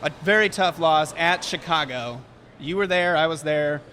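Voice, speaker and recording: A man hosting a sports podcast in a casual, jokey, chatty way, with quick back-and-forth banter. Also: on the high side, sharp tone, slight background noise. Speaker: podcast host.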